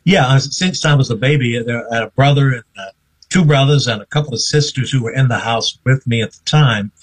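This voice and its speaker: An older man, a guest on a radio interview, telling his life story slowly and reflectively. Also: mid-range voice, breathy edge, rough recording. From North Carolina, US. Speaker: guest, veteran newsman.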